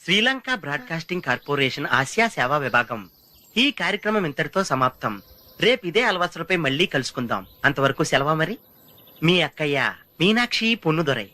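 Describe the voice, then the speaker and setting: An actor playing a boastful trickster who fakes a radio announcer and a phone official in a film comedy scene. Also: male voice, a little high, big pitch swings, fairly quick, bright, forceful tone. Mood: mock announcer. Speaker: comic film character. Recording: film audio under music.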